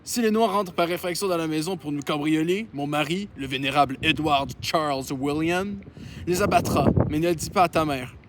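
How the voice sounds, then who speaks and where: A know-it-all godmother lays out the house rules in a calm, lecturing way, as a man reads her lines. The voice stays high for a man, and a faint outdoor hum sits behind it. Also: fairly quick, natural voice.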